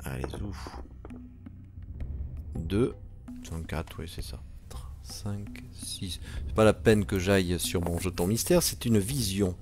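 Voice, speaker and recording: Low-voiced Frenchman narrating a board game. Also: animated, slow, pauses often, a little mellow, soft background music. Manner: chatty, counts dice moves aloud, mutters asides. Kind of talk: solo board game playthrough commentary.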